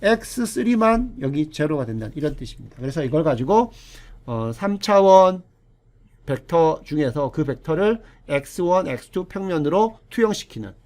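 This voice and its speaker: A man's voice: on the high side, sing-song, moderate pace, a little mellow. A male university professor giving a recorded lecture, explaining step by step and asking the class questions. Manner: explains step by step, often starts with "자"; asks the class rhetorical questions.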